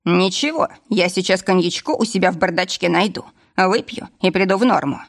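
Reading an audiobook, a woman with a lowish voice speaks a little fast as she plays a tipsy, drunk middle-aged man. He's a candy-factory director who hiccups and talks with slurred familiarity.

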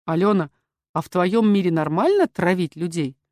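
A woman voicing Oliver, a loyal young male bodyguard who speaks calmly and with a dry wit. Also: lowish voice, moderate pace, dry recording, close to an everyday voice. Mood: wry.

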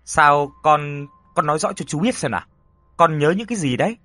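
A man's voice: a little high, lively intonation, a little fast, pushed and bright, no room sound, faint music behind. A man voicing a stern older rural uncle who deals with spirits, grave and commanding.

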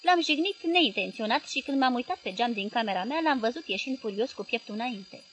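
A woman reading the part of a moody young woman who speaks with cool, quiet irony. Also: fairly high pitch, animated.

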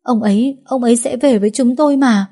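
A woman's voice: a little high, fairly quick, warm tone, voice pushed up. A woman voicing a grieving village mother who sobs and pleads for her dead husband. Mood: disbelieving. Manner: sobbing, pleading.

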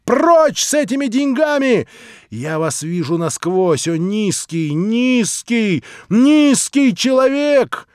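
A man reading an audiobook, voicing a proud young woman who shouts in wounded outrage. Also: low voice, moderate pace, no room sound, clean studio sound, pitched below the performer's own voice, lightly acted. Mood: furious.

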